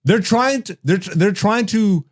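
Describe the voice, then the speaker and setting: A man hosts a comedy podcast, ranting and chatting casually and brashly, swearing a lot and laughing through his words. His voice is high-pitched and expressive, delivered at a measured pace.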